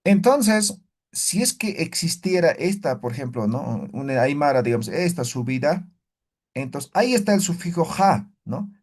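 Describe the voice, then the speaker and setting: Man, language teacher, online lesson, animated pitch, frequent check-in questions. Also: moderate pace. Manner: checks in often with "¿ya?" and "¿no ve?"; animated, exaggerates rises and falls to demonstrate.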